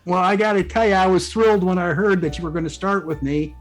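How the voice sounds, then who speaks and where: With music running beneath him and poor audio quality, a guest author talks conversationally in a casual interview. His voice sits high and he speaks fast.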